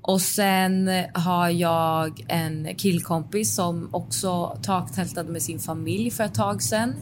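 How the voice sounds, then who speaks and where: A woman co-hosting a podcast, animated and quick to laugh, swearing casually in casual chat. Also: lowish voice. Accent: Swedish. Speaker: podcast co-host. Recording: faint background noise.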